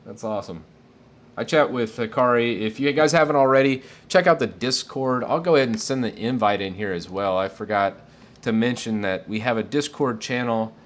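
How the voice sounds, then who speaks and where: A man's voice: mid-range voice, moderate pace. A man casually answering viewer questions on a live tech stream, enthusiastic and rambling with fillers.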